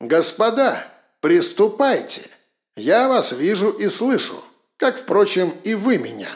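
A sadistic male professor purrs his rules slowly and quietly, as a man puts him on. The voice sits raised and lilting, with a dry, close sound. Every word drips with smug poison. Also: fairly high pitch, very animated, husky, dry recording, exaggerated voice. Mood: venomous. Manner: soft, slow and venomous.

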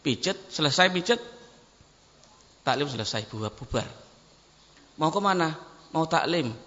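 A male preacher, giving an animated sermon and acting out the people in his stories. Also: a little high, unhurried. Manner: animated, acts out dialogue in shifting voices. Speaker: ustadz preacher. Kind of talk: sermon with storytelling. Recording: muffled, echoey hall recording.

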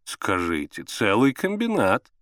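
A man's voice: fairly low pitch, wildly swooping pitch, unhurried, a bit bright, no room sound, clean studio sound, full character voice. A man voicing a stout, good-natured middle-aged father who teases with a sly, amused drawl.

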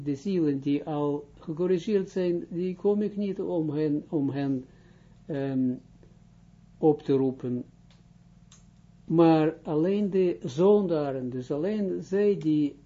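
A middle-aged man gives a religious lesson in a very dark, husky voice, speaking slowly and haltingly with frequent restarts. The recording is dull and lo-fi. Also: on the high side. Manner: slow, halting, many restarts while translating and explaining. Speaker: religious teacher.

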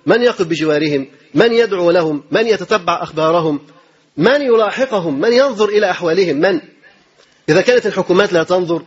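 An Egyptian man delivers a sermon at a quick clip, his voice high and husky. He drives his points home with rhetorical questions and repetition. The recording is dull and lo-fi. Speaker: sheikh giving a religious lecture. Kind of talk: colloquial sermon.

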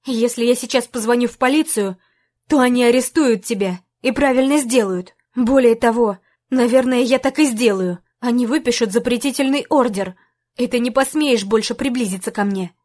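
Woman narrator playing enraged young woman, loud accusations, somewhat high voice. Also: moderate pace, natural voice. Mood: furious. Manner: shouting angry accusations. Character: furious young woman confronting her ex.

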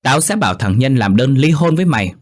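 A man voicing a harsh, scolding middle-aged mother-in-law who shouts threats. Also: medium pitch, big pitch swings, quick pace, voice pushed up. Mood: furious.

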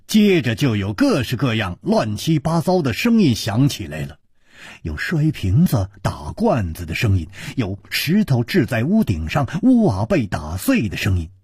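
A male storyteller narrating a traditional long-form story in a slow, highly expressive way, recorded close in a studio. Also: slightly rough, no echo.

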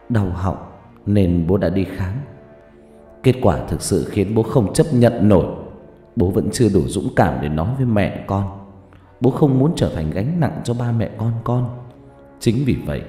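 A man voicing a gentle dying father who reads out his farewell letter in a soft, sorrowful way, with faint music behind. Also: low voice, animated, measured pace, long pauses. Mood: tender, sorrowful. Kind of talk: letter read aloud in a ghost story. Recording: echoey reverb with faint music.

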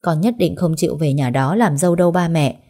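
A woman's voice: low-pitched, brisk, warm tone. Woman doing a defiant young woman refusing. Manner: pleading, defiant. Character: young adopted daughter, defiant and upset.

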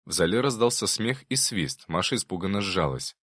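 Man narrating a story, lively pitch. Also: moderate pace, dry recording, clean studio sound. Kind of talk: first-person audiobook narration.

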